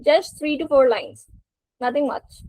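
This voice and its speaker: Speaking a little slowly in a high, darkish-toned voice, a woman teaches a spoken English lesson over an online call. As the webinar's host and teacher, she encourages the group and prompts participants.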